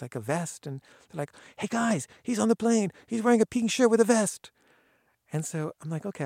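Man telling a lively anecdote. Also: mid-range voice, vocal fry, no room sound, studio quality. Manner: animated, acts out quoted voices, halting restarts. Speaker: storyteller. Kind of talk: casual anecdote.

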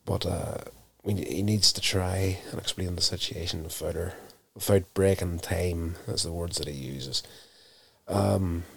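A man casually recapping a TV episode, telling it in an unhurried, self-correcting way. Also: sits low, steady tone, gravelly, slightly rough.

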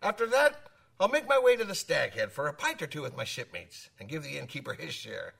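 Here is a man acting a gruff old seafarer with a gravelly, forceful voice. He is a hearty storyteller who lingers over his phrases in dramatic fashion, and his pitch swings freely as he goes. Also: big pitch swings, a little fast, distant mic, exaggerated voice. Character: gruff old sailor, hearty male spinner of sea tales.

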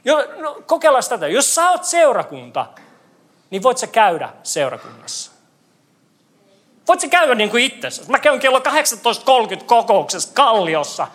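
A man's voice: very high-pitched, very animated, fairly bright tone. A male pastor giving a playful interactive sermon, quizzing the congregation. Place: church hall.

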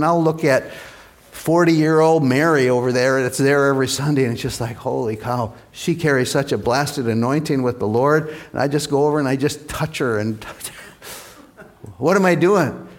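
A male pastor preaching a lively sermon in church and calling on the congregation for amens. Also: a little high.

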